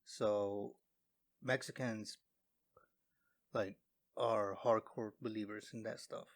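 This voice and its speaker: Hesitant man, somewhat low voice. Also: fairly even intonation. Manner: hesitant, halting, many fillers. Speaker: podcast co-host. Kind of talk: casual chat.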